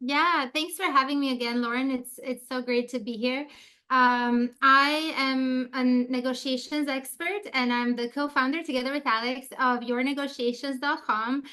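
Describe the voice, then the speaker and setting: A woman's voice: sits high, steady tone, normal speed, pushed and bright. A woman from Albania, a negotiations expert, talking as an interview guest in a friendly, eager way.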